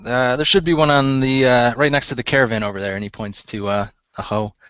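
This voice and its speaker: A man's voice: mid-range voice, fast talker, fairly bright tone, clean tone, dry recording, highs cut off. A man narrating as game master of a tabletop role-playing game, often laughing and hesitating with fillers.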